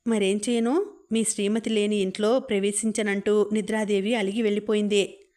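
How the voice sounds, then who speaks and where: Woman voicing an affectionate young husband, playful and reasoning, in an even, flat storybook read. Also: mid-range voice, moderate pace, natural voice. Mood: warm, teasing.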